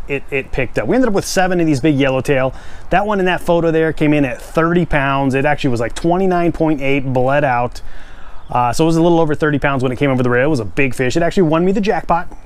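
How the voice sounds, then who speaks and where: Man, 40s, fishing channel host, slightly high voice, energetic, plainspoken, repeats steps, outdoors in a backyard. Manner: energetic, gestures while holding a rod; plainspoken, repeats key steps, counts out loud. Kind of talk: casual how-to demonstration.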